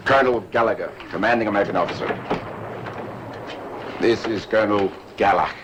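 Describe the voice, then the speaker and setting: A man's voice: fairly low pitch, a little fast, background noise, lightly acted. A man playing a cold SS interrogator. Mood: insistent. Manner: insistent, clipped interrogation. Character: cold probing SS intelligence major, male, middle-aged.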